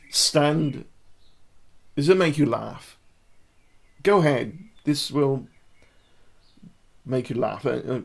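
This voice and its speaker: Slow, gravelly man explaining body language. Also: medium pitch. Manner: demonstrative, talks the viewer through poses. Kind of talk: casual commentary to camera.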